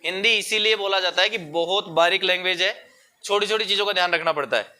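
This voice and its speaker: A young male teacher explains a lesson to his pupils in a classroom, patient and careful. His voice sits high and rings very bright, and he slips English words into his talk. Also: fast. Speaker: school teacher.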